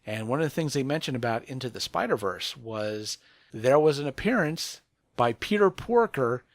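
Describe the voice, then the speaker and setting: A man's voice: medium pitch, expressive, moderate pace, no echo, clean studio sound. A man co-hosting a podcast, chatting enthusiastically and rambling about geek news. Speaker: podcast co-host.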